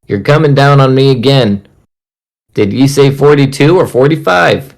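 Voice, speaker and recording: A man voicing a fat, tubby, grumpy old fisherman in a put-on Northeastern US accent, snapping and scolding in a raised, higher voice. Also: moderate pace, vocal fry, natural voice.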